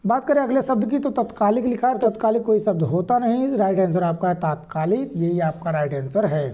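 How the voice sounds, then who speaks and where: A woman's voice: medium pitch, animated, a little fast, dark tone. A woman teaching correct spellings for an exam, explaining each word patiently and repeating the right answers. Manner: repetitive, explanatory, addresses viewers directly. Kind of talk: spelling lesson for exam prep.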